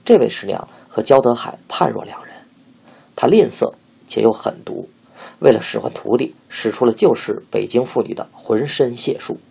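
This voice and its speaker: Man, audiobook narrator, lively expressive storytelling, very gravelly, husky. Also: mid-range voice, moderate pace. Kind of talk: reading a memoir aloud.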